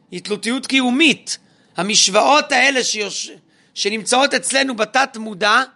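A rabbi delivers a talk in a strikingly bright, cutting tone. His voice sits high for a man, and he keeps his listeners engaged with rhetorical questions and plain, direct advice. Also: gravelly. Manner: animated, asks the audience rhetorical questions and acts out parents. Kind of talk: spoken religious lecture on parenting.

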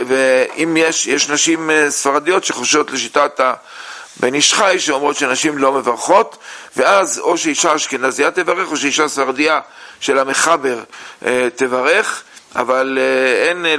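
A man teaching a lesson on religious law, reading sources aloud and explaining them with many pauses and fillers. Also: mid-range voice, bright, forceful tone. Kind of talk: halakha lesson.

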